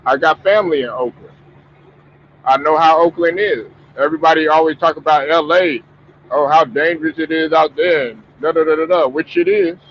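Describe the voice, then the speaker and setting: A man with a fairly high, slightly bright voice hosts a casual sports talk stream, sounding stuffed up and rambling with frequent restarts and repeated words. The stream audio is muffled and lo-fi, with faint noise.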